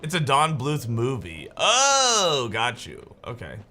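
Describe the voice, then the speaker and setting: A young man streaming a game, chatting casually and joking in a rambling way with sudden excited yelps. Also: mid-range voice, measured pace, a little hiss or hum. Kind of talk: casual chat while gaming.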